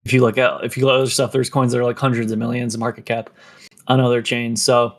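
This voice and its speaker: A fast-talking man with a mid-range voice and flat delivery chats on a casual podcast. He rambles, peppers everything with "like" and "um," and sounds a bit breathless.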